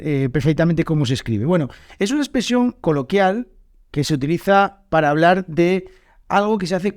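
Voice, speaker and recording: A man, hosting a podcast lesson and explaining grammar in a relaxed, unscripted way with many fillers and pauses. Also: fairly high pitch, clean tone, dry recording, clean studio sound. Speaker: podcast host and Spanish teacher.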